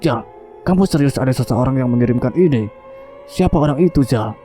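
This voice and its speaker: Guy doing a smug middle aged villain, mocking chuckle, dark warm voice. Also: medium pitch, expressive, fairly quick, faint music behind, close to an everyday voice. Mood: alarmed. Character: smug cruel middle-aged bachelor killer.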